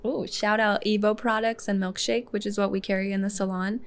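A woman's voice: medium pitch, level tone, fairly quick. Chatty laughing woman stylist. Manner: chatty, laughs often, many "like" fillers. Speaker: hairstylist and salon owner, guest. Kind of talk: casual podcast conversation.

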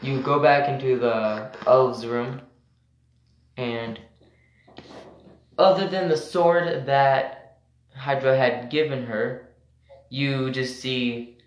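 A man running a tabletop game as game master and host, describing scenes plainly and unhurriedly, heard through a low quality voice-chat stream. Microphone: computer mic over voice chat. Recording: echoey, noisy low-quality voice-chat audio.

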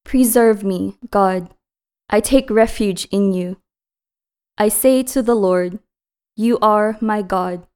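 Woman, scripture reader, slow pace, crisp resonant voice, solemn, measured liturgical delivery. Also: medium pitch, darkish tone. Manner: solemn, measured, carefully phrased. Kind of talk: liturgical scripture and psalm reading.

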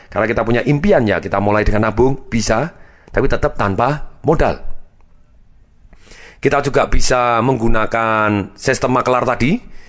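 A man giving a money management lecture, telling a story and acting out its quoted dialogue with animated shifts. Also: medium pitch.

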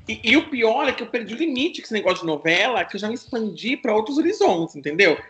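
A man in his thirties from Brazil, hosting a casual chat, animated and confessional, acting out other people's reactions. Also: high voice, quick pace, soft background music.

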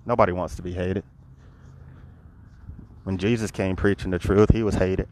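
Male, low register, earnest repetitive spiritual talk, recorded outdoors. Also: fairly even intonation, normal speed, darkish tone. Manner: earnest, preachy, repeats phrases. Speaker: vlogger. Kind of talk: spiritual monologue. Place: outdoors by a road. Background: passing cars and wind.

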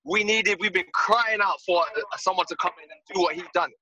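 A man's voice: high-pitched, fairly quick, pushed and bright, low-quality recording. A man with a London accent takes part in a casual football debate as a panellist, slangy and emphatic, often repeating himself. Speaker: podcast panellist.

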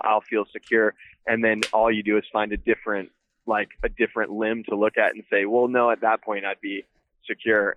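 A man's voice: fairly low pitch, no echo. A man's voice comes through an old flip phone line, thin and band-limited with a dry, close sound. He talks in a loose, laid-back way, full of fillers and casual swearing. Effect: heard over an old flip phone call. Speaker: guest calling in by phone. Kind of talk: casual chat.

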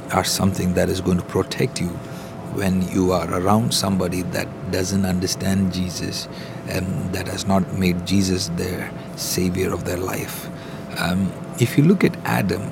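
A man speaking as a pastor and podcast host in an airport terminal, giving informal devotional teaching in an earnest, halting way, repeating phrases as he goes. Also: vocal fry. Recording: noisy airport recording with background rumble. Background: airport rumble and noise.

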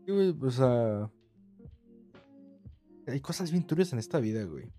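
A man's voice: medium pitch, lively intonation, moderate pace, mellow, soft background music. A young adult Mexican man chatting casually on a livestream, with plenty of slang and swearing.

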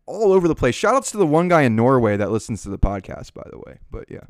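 A man's voice: medium pitch, very animated, quick pace, smooth, no echo, studio quality. A man guest on a podcast, talking animatedly, swearing a lot and repeating yeah yeah yeah. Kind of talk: casual podcast chat.

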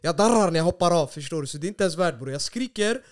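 A young man co-hosts a casual podcast and tells stories with lively, slangy energy. His voice sits a little high. The sound is dry and close, with no room echo. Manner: animated storytelling, slangy street Swedish. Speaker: podcast co-host. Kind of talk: casual chat. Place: small studio room.

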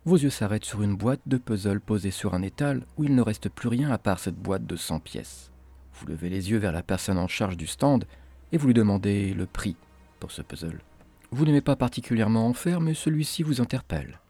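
Mellow, low-voiced man, theatrical horror host narrator. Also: lively intonation, moderate pace, slightly rough.

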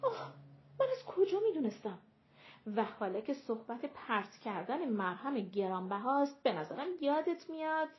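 A shrill, touchy young girl, as a woman narrator puts her on, her voice leaping up high and swinging wide. She sounds sulky and quick to flare up. The audiobook recording is a little dull and lo-fi. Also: expressive, close to an everyday voice. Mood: indignant.

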